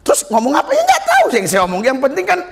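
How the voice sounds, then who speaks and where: A man's voice: extremely high pitch, huge pitch swings, quick pace, creaky, a bit bright. A male pastor telling stories in a sermon, acting out other people's voices as he goes. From Nias, Indonesia. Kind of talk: storytelling sermon. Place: church service.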